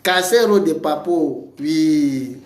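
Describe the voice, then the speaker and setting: A man from Cameroon delivers a slow, drawn-out video rant aimed at a rival, taunting and challenging him again and again. His voice sits a bit high for a man. The recording carries a roomy echo. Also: animated, darkish tone. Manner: taunting, combative, repeats insults and challenges. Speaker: online commentator. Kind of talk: ranting video message.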